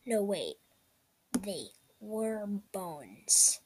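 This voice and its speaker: Slow, husky woman telling a story. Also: mid-range voice, big pitch swings, a little mellow. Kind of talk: improvised story narration.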